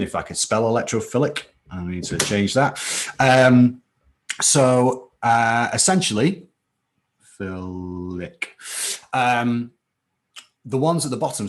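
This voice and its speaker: A man teaching chemistry in a live online class, chatty and informal, checking in with "okay?" after each point. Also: lowish voice. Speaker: chemistry tutor. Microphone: computer mic for a live stream.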